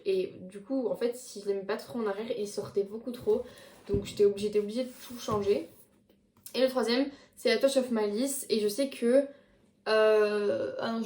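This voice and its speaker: A woman's voice: mid-range voice, mellow, slight background noise. Chatty young woman in echoey room. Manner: chatty, many fillers and restarts, showing books to camera. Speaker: book vlogger. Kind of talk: casual chat.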